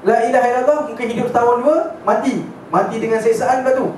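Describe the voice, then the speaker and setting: A high-voiced man teaching a religious class, telling the story in a chatty way and often checking that his listeners follow. He is recorded from a distance in a very echoey hall. A faint hiss sits behind him. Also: fast talker, darkish tone. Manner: chatty, checks in with listeners, mixes in English words. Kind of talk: casual lecture storytelling.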